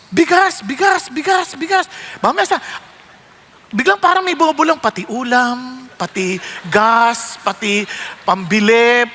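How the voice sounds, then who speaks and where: Animated male preacher with a very high, bright voice, in a large hall with long reverb. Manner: animated, storytelling, mixing in English. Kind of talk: sermon.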